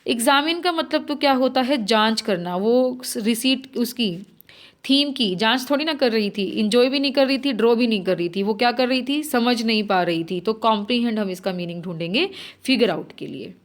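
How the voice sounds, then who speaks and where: A woman teaching an exam-prep lesson, asking and answering her own questions as she walks through each answer and reading English sentences out slowly. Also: on the high side.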